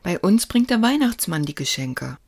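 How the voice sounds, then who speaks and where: The narrator voicing a naive, easily riled little boy with shrill outbursts and hushed whispers. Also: sing-song, normal speed, vocal fry. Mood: eager.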